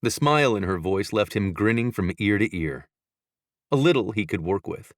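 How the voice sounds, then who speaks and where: A man narrating a romance audiobook in a calm, measured way, recorded close in a booth. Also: on the low side, dry recording.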